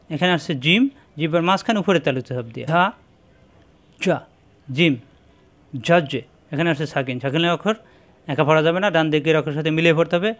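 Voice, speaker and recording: A man teaching Quran letter pronunciation in a spoken lesson, repeating each sound slowly and patiently in a measured drilling cadence. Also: fairly high pitch. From Bangladesh.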